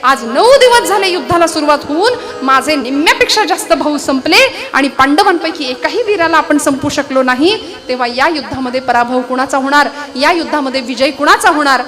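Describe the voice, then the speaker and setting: A woman's voice: high-pitched, lively intonation, brisk. A woman kirtan performer voicing a jealous, anxious warrior prince who questions his allies impatiently.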